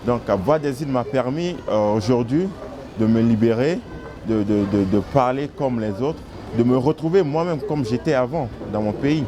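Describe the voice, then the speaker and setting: A man's voice: medium pitch, normal speed. A man from Togo gives a hesitant interview testimony, repeating words. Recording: music clearly behind.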